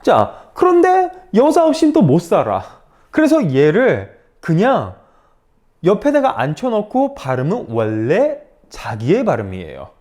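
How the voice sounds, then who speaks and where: In a pinyin pronunciation lesson, a woman drills Chinese syllables and tones one by one, repeating after each and explaining with playful asides to her learners. Her warm, medium-pitched voice swings hugely in pitch, and she takes an unhurried pace.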